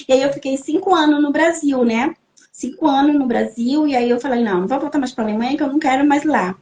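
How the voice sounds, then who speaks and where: A young woman from Brazil tells her personal testimony with a high, emotional voice. She acts out the people she quotes and climbs higher in pitch when the story moves her. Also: quick pace, a little mellow. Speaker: guest giving a testimony. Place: living in Germany, remote podcast.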